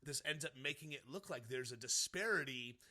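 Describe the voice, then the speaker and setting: A man hosting an interview, talking conversationally and haltingly, repeating words as he builds his point. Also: medium pitch, lively intonation, sharp tone. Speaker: interviewer, host.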